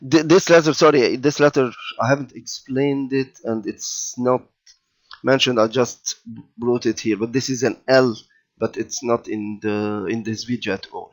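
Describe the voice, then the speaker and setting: A man teaching children to read letters, patient and unhurried, often pausing with "okay" and repeating sounds slowly. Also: medium pitch, steady tone. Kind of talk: slow explanatory lesson for children.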